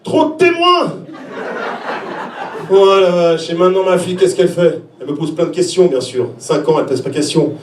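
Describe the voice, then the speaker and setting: Talking straight to the audience, a forties-aged Swiss stand-up exclaims and acts out little scenes and reactions with animated energy on the indoor open stage of a small comedy venue. His voice is fairly high at normal speed, and the recording has a little hiss or hum, room echo and a distant mic.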